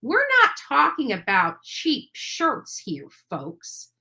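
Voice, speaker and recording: A woman with a higher voice, her pitch swooping wildly, speaks slowly in a pushed, bright tone. She's hosting an informal live stream about a true crime case, talking emphatically with an aggrieved edge and repeating phrases to drive her point home.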